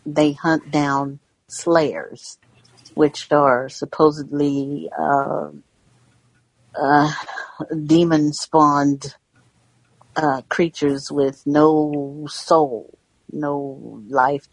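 A woman's voice: low voice, no echo, rough recording. An American woman chatting casually in a rambling, folksy way. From Georgia and various parts of the US. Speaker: book club member, first-time participant. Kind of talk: casual chat.

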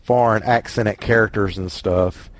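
A man's voice: lowish voice, fairly even intonation, unhurried, a little hiss or hum. A man with a Southern US accent hosting a casual book discussion, rambling and self-deprecating. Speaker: book club host.

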